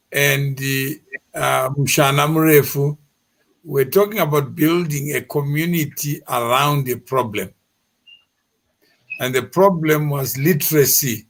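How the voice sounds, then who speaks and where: A man hosting a discussion, speaking hesitantly with many pauses and fillers. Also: on the high side, fairly bright tone. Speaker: discussion host. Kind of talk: reflective talk.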